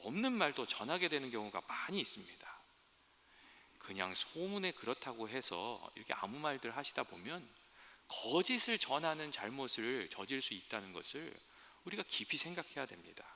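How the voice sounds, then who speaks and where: Male pastor, sermon, earnest storyteller, animated pitch, church hall reverb. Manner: earnest, storytelling, addresses congregation directly.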